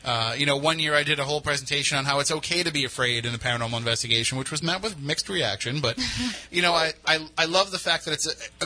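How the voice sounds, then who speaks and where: A man's voice: on the high side, bright, forceful tone, poor audio. A man hosting a talk show in a casual, conversational style. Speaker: radio host and paranormal lecturer.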